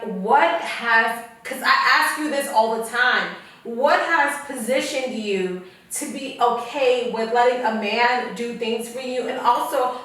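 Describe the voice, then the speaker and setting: A woman's voice: a little high, sharp tone. A young woman from Kenya hosting a casual podcast chat, emotional and tearful at times. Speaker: podcast host. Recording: echoey room, far from mic.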